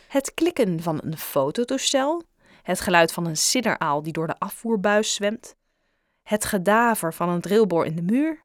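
Woman narrator, children's audiobook, lively storytelling, dry sound. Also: on the low side, no echo. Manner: lively storytelling, playful asides.

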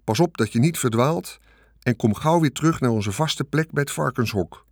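A man voicing a brisk, cheerful farm mother in an audiobook. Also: mid-range voice, expressive, no room sound, clean studio sound, pitched above the performer's own voice. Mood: firm.

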